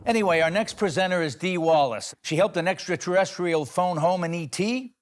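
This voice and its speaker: A man's voice: high voice, a little fast. A man hosting an awards show, giving comedic scripted links in a playful, jokey way.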